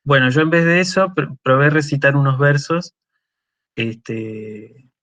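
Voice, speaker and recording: A man with an Argentine Spanish accent gives a university lecture, explaining step by step and often checking in with a questioning "¿sí?". He thinks aloud with fillers and restarts, in a mid-range, fairly bright voice at a measured pace.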